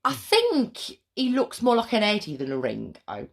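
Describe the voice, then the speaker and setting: Chatty woman with a lively voice. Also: mid-range voice, unhurried, creaky. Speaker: podcast co-host. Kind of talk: casual chat.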